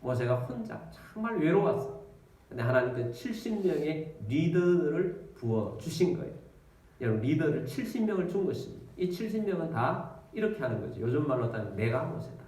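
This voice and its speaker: A male pastor delivers an animated storytelling sermon in a church, calling out to his congregation as he tells the story. His voice is on the high side and brisk, recorded from a distance in an echoey church.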